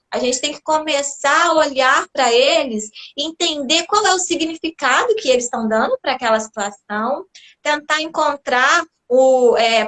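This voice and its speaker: High-voiced woman speaking emphatically. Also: fairly bright tone. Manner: emphatic, answering her own rhetorical questions. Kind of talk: casual parenting chat.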